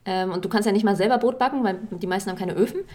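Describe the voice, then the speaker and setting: Relaxed woman, casual podcast co-host. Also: medium pitch, very fast. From Germany. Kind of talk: casual chat.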